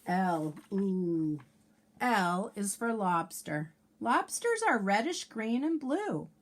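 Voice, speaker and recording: Reading an alphabet picture book to young children, a woman teacher uses a medium pitch, a slow, unhurried pace, and a lively sing-song delivery. She pronounces each letter with care and keeps dropping in friendly asides and questions for the little ones.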